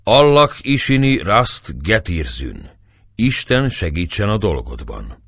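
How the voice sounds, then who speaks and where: A commanding, hot-tempered officer, voiced by a male narrator speaks loudly and forcefully. His deep voice is pushed higher and rings dry and close, with very lively pitch. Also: vocal fry, no room sound, full character voice. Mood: jovial.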